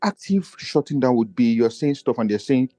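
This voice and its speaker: Here the Nigerian podcast guest sounds expressive at a moderate pace, his dark, low voice one he believes fails to carry. Soft music plays behind a dry recording as he reflects personally, earnest and searching, often restarting what he means to say.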